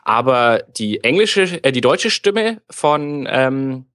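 Dude rambling on about console settings, dry close mic. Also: male voice, medium pitch, very animated, slow pace, a bit bright, no echo. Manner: chatty, rambling explanations. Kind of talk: casual gaming chat.

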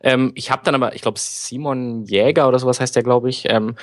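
A man's voice: mid-range voice, fairly even intonation, fairly quick, no room sound, clean studio sound. A man on a gaming podcast, rambling through long casual explanations.

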